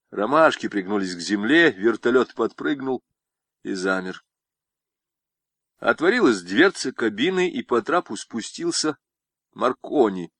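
Male narrator for literary prose; expressive, animated pitch, dry studio sound. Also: dry recording. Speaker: audiobook narrator.

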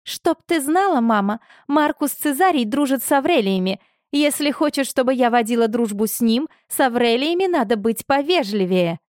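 A woman voicing a spoiled, jealous teenage noble girl who protests in a high, whining voice. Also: expressive, normal speed, dry recording, studio quality. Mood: indignant.

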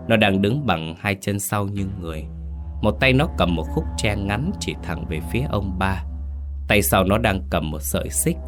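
A man with a very deep voice narrates a scripted ghost story. He tells it steadily and with suspense. Soft background music plays beneath him. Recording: faint music underneath.

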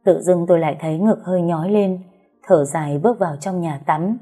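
A woman narrating a story in the first person with calm, even delivery. Her voice is low and mellow. Faint music plays in the background. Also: fairly quick, husky.

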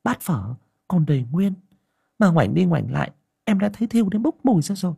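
Man doing a hushed, anxious village woman. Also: sits high, big pitch swings, creaky, husky, dry recording, clean studio sound, pitched above the performer's own voice, exaggerated voice. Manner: hushed, rushing whisper, anxious. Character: worried younger village woman, hushed and confiding.

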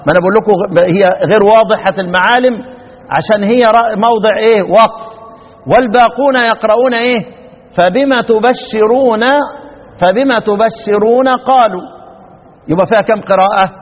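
A man's voice: sits high, quick pace. A man with an Egyptian accent teaching recitation to a class, quizzing students with questions and drawing out the recited words. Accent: Egyptian Arabic. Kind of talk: classroom lecture. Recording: dull lo-fi recording with long reverb.

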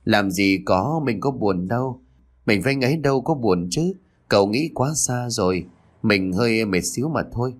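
A man's voice: lowish voice, lively intonation, normal speed. A man reading as a shy, modest schoolgirl.

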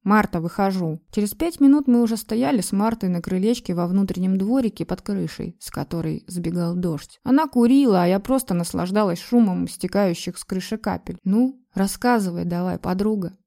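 A woman narrating a story in the first person, calm and even. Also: mid-range voice, fairly quick, vocal fry, hardly any pauses.

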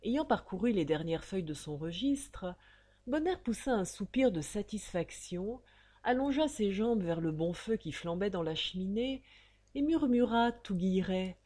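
A woman reading a novel aloud as narrator, with expressive, dramatic storytelling. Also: mid-range voice, moderate pace. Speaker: audiobook narrator.

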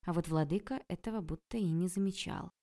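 Woman reading a novel aloud, first person, dry ironic tone, low dark voice. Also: a little fast. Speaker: audiobook narrator.

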